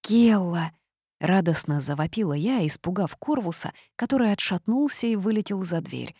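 A woman reading a fantasy novel aloud in the first person, lively and expressive. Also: medium pitch, moderate pace, slightly rough, no echo, studio quality. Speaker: audiobook narrator.

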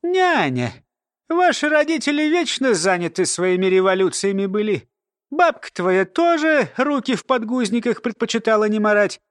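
Man doing old nanny woman, sly, mumbling, folksy; high and lively, dry read. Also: moderate pace, no room sound. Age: older.

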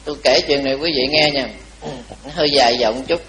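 A man giving a Buddhist dharma talk, telling a long story to his audience in an animated, chatty way, a little tired. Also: mid-range voice, brisk, poor audio. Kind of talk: storytelling sermon.

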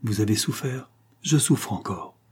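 A man reading the lines of a melancholy exiled convict of about thirty, speaking gravely and gently. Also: lowish voice, unhurried. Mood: mournful.

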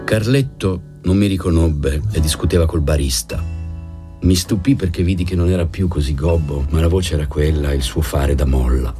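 A man reading a novel aloud in a calm, measured narration. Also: a bass voice, over music. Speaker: audiobook reader. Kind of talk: scripted narration.

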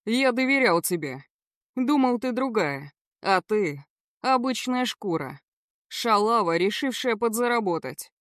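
A woman's voice: a little high, lively intonation, a little slow, fairly bright tone, no echo, studio quality. A woman voicing an enraged, menacing male gangster who growls his words through clenched teeth in a cold voice. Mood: furious.

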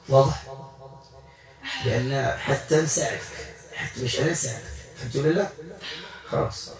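A man working as a Quran healer, speaking in a commanding, coaxing way to a possessed patient during an exorcism session. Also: medium pitch. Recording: echoey room, far from mic, loud noise.

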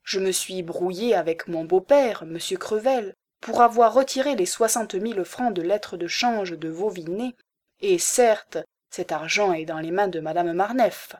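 An earnest young man speaks with clear, firm, measured formality in this storybook reading, voiced by a woman narrator. His phrasing is deliberate and polished, like a speech to an assembly. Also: medium pitch, darkish tone, natural voice.

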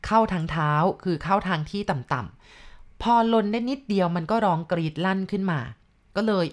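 A woman with a fairly low voice tells a ghost story as casual spoken storytelling. She talks in a chatty, conversational way, pausing often to explain details as she goes. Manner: chatty, adds explanatory asides and polite particles.

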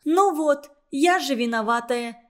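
A woman reading a children's story aloud, voicing a bossy, indignant schoolgirl who shouts her protests. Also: fairly high pitch, expressive, takes it slowly. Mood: defensive.

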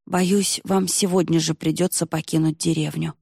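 Brief: a weary, grumbling older villager, put on by a woman reader, husky tone. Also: deep voice, level tone, normal speed, darkish tone, no echo, studio quality, exaggerated voice.

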